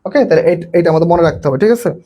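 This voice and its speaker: A young Bangladeshi man teaches a live online English lesson at a rapid clip. His voice sits high, and he keeps asking his students the same question over and over. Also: dark tone, husky. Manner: quizzing students, repeats questions often.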